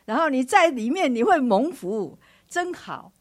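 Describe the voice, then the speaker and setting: A woman who hosts a church sharing, speaking softly and thoughtfully and sometimes almost whispering. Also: high voice, sing-song, measured pace. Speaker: host of a church sharing session.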